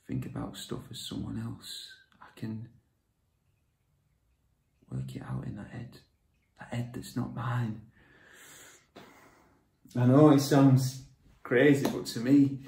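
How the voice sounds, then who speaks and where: A gravelly, low-voiced man, as an actor plays him, confides in halting bursts and sinks into whispers. His tone is dark and mellow, and the sound is echoey. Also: very animated, full character voice. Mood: confessional. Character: withdrawn man raised by his grandmother, confessional. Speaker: actor performing a monologue. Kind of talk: dramatic monologue. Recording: echoey room.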